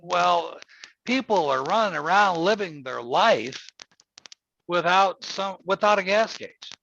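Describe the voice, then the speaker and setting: His voice sits high, gravelly and a bit bright, animated yet slow-paced. The man, in his seventies, hosts a casual call-in chat with a folksy, rambling, emphatic style, recorded on muffled lo-fi audio with faint noise.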